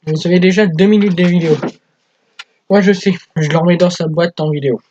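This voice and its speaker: A teenage gaming vlogger, slightly high-voiced, chats through an unboxing with cheeky self-mocking jokes. The recording is dull and lo-fi, with a faint hiss behind him. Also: male voice, fairly even intonation, brisk, a little mellow. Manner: joking, self-mocking, chatty. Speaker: gaming YouTuber. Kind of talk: casual unboxing vlog.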